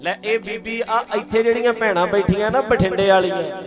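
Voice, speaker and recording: A man's voice: sits high, fairly quick. A man preaching a sermon, telling stories and acting out quotes while talking straight to his listeners. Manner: animated storyteller acting out quotes, addressing listeners directly. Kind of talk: sermon to a congregation. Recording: sermon with loud music behind. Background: clear background music.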